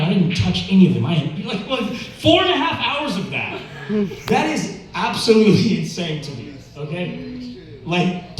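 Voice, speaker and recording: A man doing amateur stand-up at an open mic, casual, profane and slangy, with hesitant, stammered repeats. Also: fairly high pitch. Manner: hesitant, with stammered repeats and filler-laden stalling. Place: indoor open mic venue. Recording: very echoey room, distant mic.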